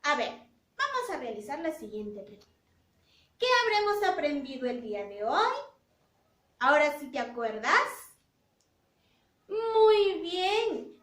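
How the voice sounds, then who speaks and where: High, lively woman teaching children. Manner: slow, drawn-out words, sing-song praise to a child. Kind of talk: children's phonics lesson. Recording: roomy echo, voice from a distance.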